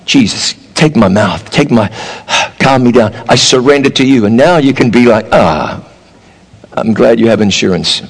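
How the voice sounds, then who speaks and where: Man preaching, somewhat high voice, animated, loud urging and low asides. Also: in a large hall, poor audio. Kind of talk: sermon.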